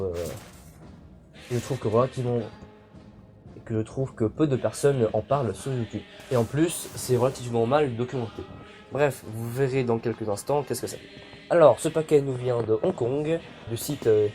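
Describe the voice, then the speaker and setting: A man's voice: medium pitch, mellow. A young man presenting an unboxing video in a casual, hesitant way, with many fillers. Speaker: YouTuber unboxing militaria. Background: background music.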